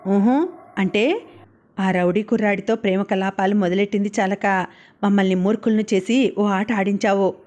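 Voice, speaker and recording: A woman's voice: medium pitch, moderate pace, a little mellow, lightly acted. A woman narrator voicing an angry, scolding middle-aged brother-in-law in a storybook.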